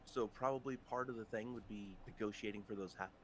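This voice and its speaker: A man playing in a tabletop game, chatting casually, laughing often and getting excited as he plans his character's moves. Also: fairly low pitch, fairly quick, slight background noise. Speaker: player.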